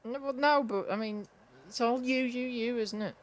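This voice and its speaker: A man's voice: very high-pitched, normal speed. A man with a Northern English accent, making dry jokey quips in a comedic casual chat as podcast co-host.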